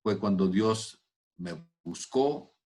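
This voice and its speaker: A man preaching a personal testimony, swinging between loud exclamations and hushed, almost whispered lines. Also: lowish voice, expressive, slow. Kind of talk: testimony sermon.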